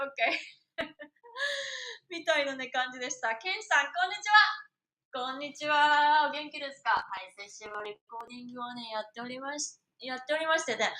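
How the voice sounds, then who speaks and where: A young woman from Japan, a singer chatting casually on her live stream, animated and quick to laugh. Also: sits high.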